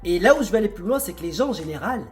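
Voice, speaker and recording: Guy ranting motivational stuff at the camera, punchy and emphatic, soft music underneath. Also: high voice, expressive, racing. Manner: emphatic, with rhetorical questions to the viewer. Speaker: real estate investor and video host.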